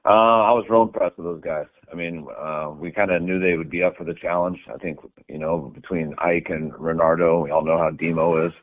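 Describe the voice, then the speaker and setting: A head coach with a very deep male voice answers press questions on a conference call over the phone. He talks briskly with few pauses, sounding relaxed and dropping plenty of "um" and "I mean."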